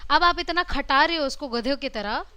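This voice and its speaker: A high-pitched, bright-toned Indian woman lectures her classroom. Her delivery is lively and chatty, and she switches freely between Hindi and English. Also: moderate pace, dry recording. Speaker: teacher.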